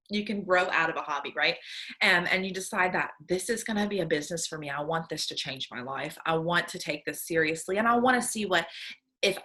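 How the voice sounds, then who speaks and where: A woman in her thirties coaches her team with tough love, earnest and direct, leaning on "um" and "right?". Her voice is bright and forceful, sitting a little low for a woman. She talks into her computer's webcam at home. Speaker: direct sales team leader. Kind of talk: motivational talk to camera.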